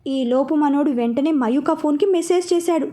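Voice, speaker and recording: A woman's voice: high voice, normal speed, dark tone. A woman reading a serialized romance story aloud, lifting her voice for the characters' lines. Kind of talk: scripted story narration with acted dialogue.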